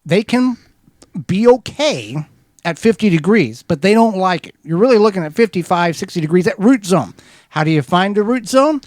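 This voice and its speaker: Brief: male radio co-host, slightly high voice, dry studio sound, patient how-to explainer. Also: normal speed, no echo. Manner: steady, methodical how-to explaining with small restarts. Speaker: co-host of a gardening radio show.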